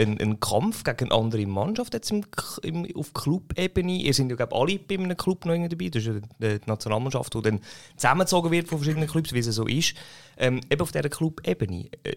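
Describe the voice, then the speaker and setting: A man with a Swiss German accent hosting a podcast interview in an informal, loosely phrased way. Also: medium pitch. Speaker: podcast host. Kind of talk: casual interview.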